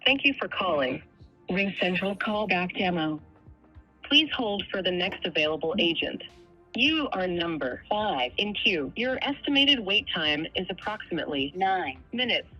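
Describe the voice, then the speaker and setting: A woman's lowish voice plays as a recorded phone hold message, giving an automated queue announcement with even, measured delivery. The audio is dull and lo-fi, with faint hold music underneath. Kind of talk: scripted automated phone prompt.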